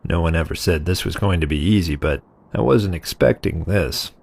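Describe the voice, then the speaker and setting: Man playing a gravelly, wry veteran secret agent. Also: low-pitched, moderate pace, darkish tone, exaggerated voice. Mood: resolute. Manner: wry, teasing. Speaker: field agent. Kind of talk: scripted dramatic acting in a spy film. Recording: background music under the voice.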